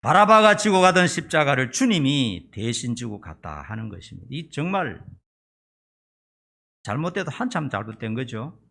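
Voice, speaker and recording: A man's voice: mid-range voice, sing-song, normal speed, gravelly, a bit bright. A middle-aged man preaching a sermon as pastor, retelling the story dramatically. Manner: dramatic storytelling, acting out scenes.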